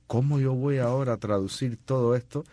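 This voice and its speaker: A musician guest in a conversational interview talks about his music and the shows he plays at schools, his medium-pitched voice brisk and dark-toned in a dry recording. He tells long stories full of restarts and filler words, and Spanish is not his first language.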